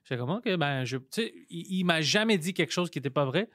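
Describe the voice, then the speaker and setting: A man's voice: fairly high pitch, expressive, fast talker, a bit bright, no room sound, clean studio sound. Man chatting in his second language. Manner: speaks French as a second language, mixes in English, laughs easily. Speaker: podcast host. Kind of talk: casual chat.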